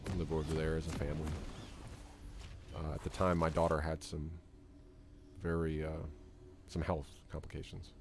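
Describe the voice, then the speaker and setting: A man's voice: rumbling low, little pitch movement, moderate pace, darkish tone, a little hiss or hum. A middle-aged man from Florida chatting casually on a game stream, rambling with lots of restarts and fillers. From Florida, USA. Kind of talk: casual chat while gaming.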